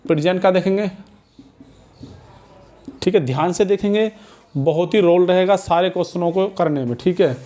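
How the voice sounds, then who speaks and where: High-voiced man teaching a math class. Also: a little mellow. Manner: repeats questions back to the students; checks understanding with "ठीक है" and "समझ में आया". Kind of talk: exam-prep math lesson.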